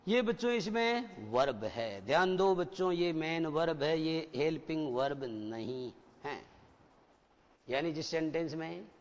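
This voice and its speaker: A man's voice: a little high, lively intonation, unhurried. A male English teacher with an Indian accent giving a classroom lecture, explaining step by step and often quizzing the students. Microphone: satellite broadcast studio. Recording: dull, lo-fi broadcast with long hall reverb.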